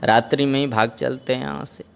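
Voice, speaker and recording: A man's voice: medium pitch, fairly even intonation, a little fast, vocal fry, clear, resonant tone, lightly acted. A man voicing an anxious young disciple who pleads in a worried way.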